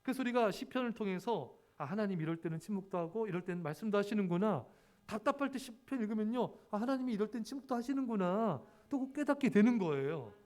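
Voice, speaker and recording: Preaching at a quick pace, a pastor's voice sits high, expressive and darkish in tone. He speaks earnestly in a church sanctuary, repeating key words and addressing his congregation often.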